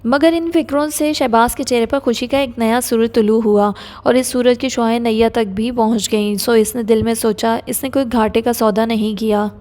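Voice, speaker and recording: A woman narrating an audio novel in a steady, even storytelling manner. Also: a little high, few pauses, long reverb tail.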